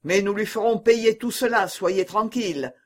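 A man's voice: high voice, moderate pace, pitched above the performer's own voice. A man reading an audiobook and voicing an assured, scheming churchman who rallies his allies and the crowd. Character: scheming, assured male churchman, a leader of the people.

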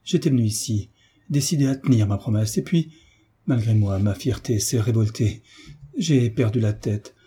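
A man reading the part of a proud middle-aged noblewoman who pleads through tears, in a husky, dark voice. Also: fairly low pitch, normal speed. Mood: pleading. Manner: pleading, emotional.

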